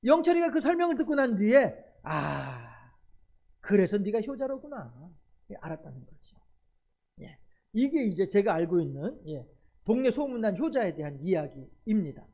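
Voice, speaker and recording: A man's voice: high voice, sing-song, a little fast, warm tone, breathy edge. A male pastor preaching a sermon in a folksy storytelling manner, often adding affirming asides.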